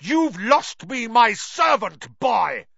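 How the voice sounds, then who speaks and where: A reader voicing a sneering, cold aristocratic man who speaks softly and menacingly. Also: medium pitch, lively intonation, a little slow, no echo, pitched below the performer's own voice, lightly acted. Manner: soft, menacing. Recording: dry, slightly dull lo-fi.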